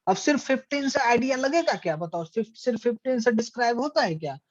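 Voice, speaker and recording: A man's voice: very high voice, lively intonation, fast talker, dry recording. A man teaching an online physics class, asking the students questions and answering them himself. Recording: dry, dull lo-fi audio.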